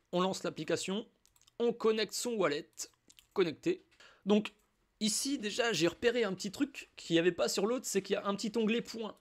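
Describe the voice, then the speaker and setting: A man from France walking the viewer through a crypto tutorial in a casual, chatty way, with frequent fillers. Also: high voice. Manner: chatty, addresses viewer informally with many fillers. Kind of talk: casual screen-recorded tutorial.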